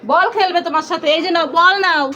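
A woman playing pretend with her toddler in a lively, mock-scolding skit at home. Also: very high-pitched, quick pace, echoey room, a crowd in the background.

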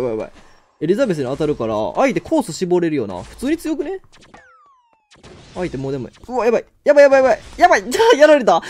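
A man with a Kansai accent giving excitable live commentary on his own game, exclaiming and laughing often. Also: on the high side. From Kansai, Japan. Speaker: game streamer.

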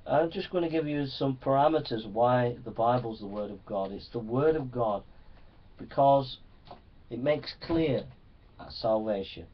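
A male preacher gives a Bible teaching sermon to young people, earnest and exhorting, often seeking their assent. His voice is an average male pitch, expressive and a little slow, recorded from some distance so it sounds a little dull.

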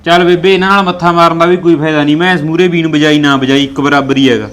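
Fast-talking Punjabi village man. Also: on the high side, steady tone, fairly bright tone. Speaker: son talking to his mother. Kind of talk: village family drama acting.

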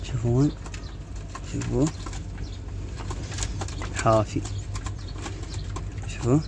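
A man's voice: medium pitch, fairly even intonation, slow, vocal fry. A man with an Iraqi Arabic accent chatting informally into a phone as a vlogger, rambling and leaning on repeated filler phrases. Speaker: YouTuber, pigeon keeper. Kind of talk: casual chatty phone vlog. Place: outdoor pigeon yard with cages. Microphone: handheld phone. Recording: phone recording outdoors with birds cooing. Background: pigeons cooing, faint noise.

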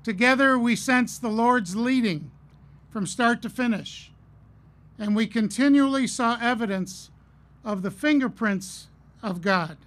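A middle-aged man giving a commencement address at a podium, earnest and measured, telling stories with pauses. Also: very high-pitched, fairly bright tone. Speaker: commencement speaker. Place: outdoor stage at a podium. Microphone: podium mic on a stand.

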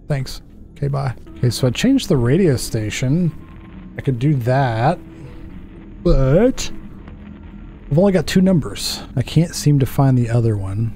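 This gaming streamer is a man in his thirties with a mellow, mid-range voice, speaking through a headset. He offers casual let's-play commentary on a puzzle game, muttering to himself in a puzzled, self-deprecating way.

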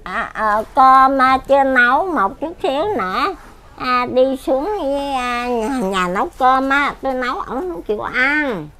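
A woman's voice: high-pitched, animated, unhurried, pushed and bright. An older woman with a Southern Vietnamese accent, rambling and repeating herself as she complains about her life. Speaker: elderly widow being interviewed. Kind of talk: casual chat.

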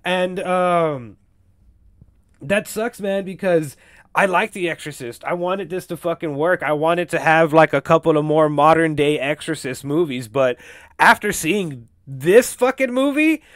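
A man in a solo podcast, ranting in a loose, profane, filler-heavy way. His voice sits a little higher than most men's. The sound is dry and close, with no room around it. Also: measured pace, no room sound. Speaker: podcast host. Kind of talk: casual solo podcast commentary.

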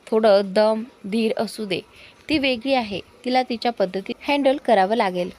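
A woman's voice: fairly high pitch, moderate pace, a little mellow, natural voice. A woman voicing a teasing, bossy young best friend in a spoken love story. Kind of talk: storybook character voice.

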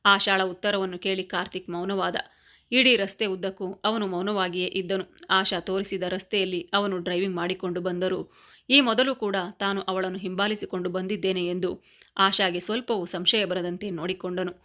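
A woman reading a family story aloud as scripted narration, in a steady, even voice. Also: mid-range voice, moderate pace.

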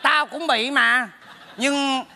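A cheeky Southern Vietnamese neighbor, quick blunt rants, high bright voice, hall reverb. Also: male voice, fairly even intonation, vocal fry, exaggerated voice. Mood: teasing. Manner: fast, blunt, teasing rants. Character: meddling cheeky neighbor man, blunt and teasing. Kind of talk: stage comedy sketch.

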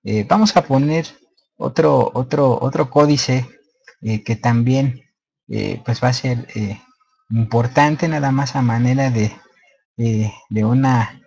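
A man's voice: mid-range voice, slow, creaky, darkish tone, slightly rough, muffled recording. A man presenting a slide lecture in casual unscripted speech, hesitant with many fillers and restarts.

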